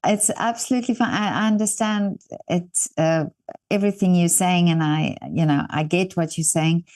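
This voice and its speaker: A South African woman whose native language is Afrikaans hosts an interview, speaking with a South African accent in a fairly low voice at a moderate pace. Warm and encouraging, she rambles through the conversation, restarting her sentences.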